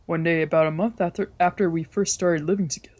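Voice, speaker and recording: At a quick pace and in a steady, slightly mellow mid-range voice, a streamer narrates a visual novel aloud for a let's play. Sometimes a phrase gets fumbled and reread, and visual novel music runs in the background.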